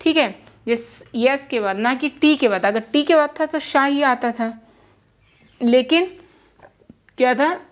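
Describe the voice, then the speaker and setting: A young woman with a high-sitting voice speaks unhurriedly and pauses often. Teaching English pronunciation in Hindi, she explains spelling rules, patiently repeats words, and spells out the letters.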